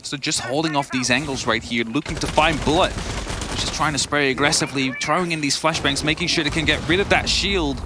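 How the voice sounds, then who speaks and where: A man's voice: fairly high pitch, a little fast, background noise. A man working as an esports caster, giving conversational, opinionated live commentary and analysis.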